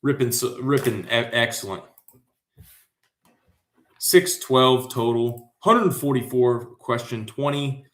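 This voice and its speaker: A man's voice: medium pitch, slow, pauses often. American man, trivia host, slangy and rambling, laid-back pace, roomy echoey sound. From Central Florida, USA. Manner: slangy, hyped, rambling asides. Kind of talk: casual livestream trivia hosting. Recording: echoey room.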